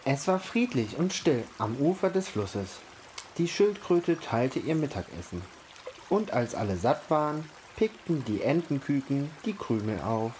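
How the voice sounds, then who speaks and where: A man reading a picture book aloud to children in a slow, gentle and expressive way. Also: medium pitch, slight background noise.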